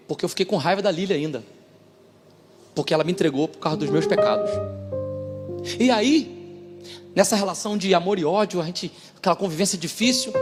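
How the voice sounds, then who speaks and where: A man, a pastor giving a dramatic testimony, acting out the voices of the people in his story. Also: high-pitched. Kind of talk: testimony sermon. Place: church hall. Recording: church hall with long reverb and music behind.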